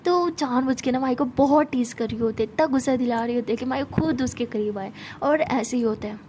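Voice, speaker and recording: A woman's voice: sits high, brisk, a little mellow, slight background noise. A woman telling a romantic story in a casual, conversational way and voicing every character herself. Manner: conversational, narrates while voicing all characters.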